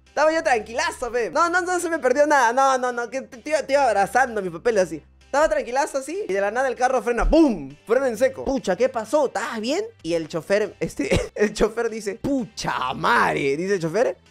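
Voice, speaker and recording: A man streamer with a Peruvian accent telling a story in a casual, animated, slangy way. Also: very high voice, brisk, hardly any pauses, faint music behind. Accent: Peruvian Spanish. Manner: animated, slangy, acts out voices.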